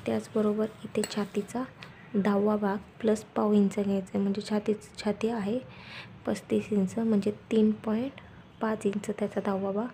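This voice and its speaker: A woman giving a step-by-step sewing tutorial, speaking softly and quietly at night, repeating steps as she goes. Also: mid-range voice, flat delivery, normal speed, slight background noise. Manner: instructional, repeats steps and measurements.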